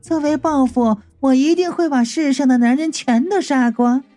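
Woman putting on a slow coy demoness. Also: high voice, mellow, faint music behind, pitched above the performer's own voice, close to an everyday voice. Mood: teasing. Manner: slow, teasing, coquettish drawl. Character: sultry scheming female demon, coy and cold.

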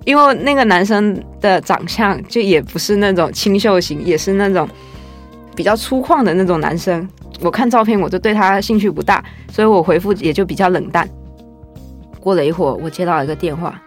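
A woman in her twenties casually telling her own story in the first person, chatty and wry. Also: on the low side. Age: 20s. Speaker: guest storyteller.

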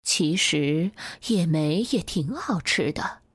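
A woman's voice: low voice, animated, slow pace, husky, no room sound, studio quality, voice pushed down, full character voice. Woman playing a stammering clever fox. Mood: musing. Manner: stammering, flustered. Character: flustered clever male fox.

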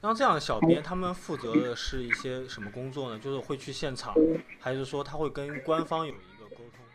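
A man's voice: medium pitch, a little fast, a crowd in the background. A man hosting an interview podcast, asking probing questions and giving brief acknowledgments. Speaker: podcast host.

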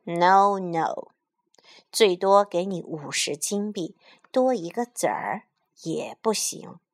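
A woman's voice: on the low side, slow pace. A woman playing a pompous, greedy male mayor who drawls smugly and throws in English words. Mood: sly. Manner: boastful, smug drawl, mixing in English.

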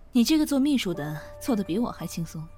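In a modern audio drama, a woman plays a kind, calm office manager who gently teases and soothes. Her voice is mid-range and natural.

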